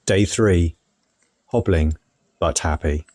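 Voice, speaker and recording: A man narrating a walking vlog in a gentle, unhurried, reflective way, partly talking outdoors on the trail. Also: low voice, a little hiss or hum. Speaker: walking vlogger. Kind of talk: calm documentary narration and on-the-trail vlogging. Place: outdoors on a countryside walk, partly voice-over.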